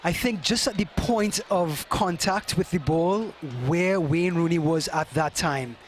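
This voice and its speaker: A man working as a color commentator, explaining plays and players in a measured, analytical way. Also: fairly high pitch, a little hiss or hum. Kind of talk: live soccer analysis.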